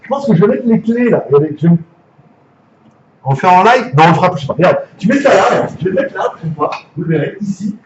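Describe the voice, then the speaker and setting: A man's voice: high voice, sing-song, fast, lo-fi sound, slight background noise. A man with a French accent, chatty and jokey, unboxing gadgets live and swearing casually. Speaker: gadget reviewer.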